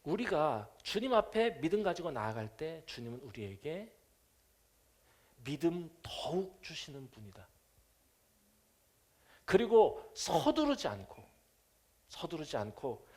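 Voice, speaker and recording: A male pastor giving a Sunday sermon in church, animated, chuckling often and acting out quotes. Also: a little high.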